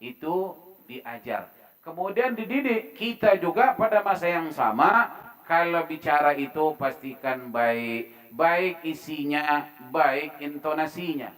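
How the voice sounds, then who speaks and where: Animated male preacher, fairly high voice. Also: slow, rough recording. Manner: lively preaching, swinging between loud emphasis and quiet asides; acts out everyday dialogue to make points. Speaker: religious lecturer at a mosque forum. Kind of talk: Islamic religious talk to a congregation. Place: mosque forum.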